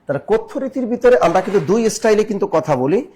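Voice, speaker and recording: A man's voice: sits high, very animated, fast talker, warm tone. A man from Barishal, Bangladesh, teaching a live exam-prep class. He repeats key points and keeps asking his listeners questions. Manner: repetitive, drilling, asks the audience questions.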